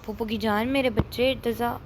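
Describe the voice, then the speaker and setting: Woman doing a scheming aunt, sharp-tongued, high voice, flat delivery, audio story. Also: noisy background, close to an everyday voice. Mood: doting. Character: scheming domineering middle-aged aunt.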